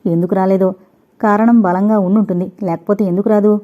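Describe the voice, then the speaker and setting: A kindly middle-aged husband speaks warmly, a touch lower than the narration, voiced by a woman reading the novel. The sound is thin and phone-like. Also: fairly even intonation, brisk, lightly acted. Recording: tinny, phone-like recording.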